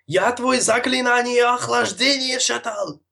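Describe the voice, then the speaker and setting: Frantic pony stallion, shrill squeal, yelling, high, loud, odd tone. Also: male voice, measured pace, gravelly, a crowd in the background, full character voice.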